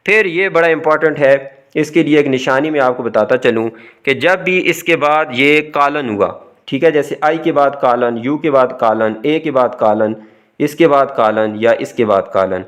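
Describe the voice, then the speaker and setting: A man's voice: mid-range voice, clean tone. A man, teaching a class and explaining step by step, asking and answering his own questions. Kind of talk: classroom lecture.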